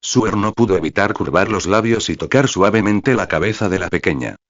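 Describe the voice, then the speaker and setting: A man narrating a story in an even, steady reading voice. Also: lowish voice, a little fast, no echo, lo-fi sound.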